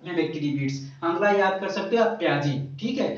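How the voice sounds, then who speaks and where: A man's voice: sits high, expressive, brisk. A man teaching an agriculture exam-coaching lecture, asking the class questions and answering them himself, repeating key terms. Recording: echoey room, distant lo-fi mic.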